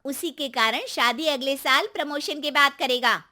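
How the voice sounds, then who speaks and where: A woman's voice: high-pitched, normal speed, sharp tone. A woman voicing a meddling, gossipy middle-aged neighbor who likes to stir up quarrels. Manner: nosy, stirring up quarrels.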